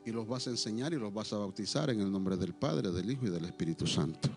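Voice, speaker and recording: A man preaching a Pentecostal sermon to a church congregation, swinging between shouted declarations and low, quiet asides, with a playful teasing streak. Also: lively intonation, fast, vocal fry, soft background music. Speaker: pastor.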